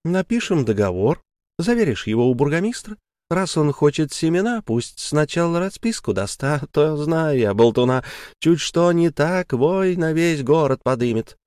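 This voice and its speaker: A sharp-tongued young wife from a storybook, scolding in a high, forceful voice, put on by a man. Her lines come out loud, shrill and animated. The recording is close and dry. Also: normal speed, dry recording. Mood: sly, coaxing.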